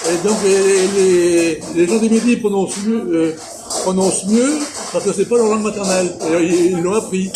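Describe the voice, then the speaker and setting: Male guest, halting and hesitant, high voice, roomy sound with loud music. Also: background noise. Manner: hesitant, repeats words, halting. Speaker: conversation guest. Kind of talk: casual philosophical chat. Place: fast-food restaurant.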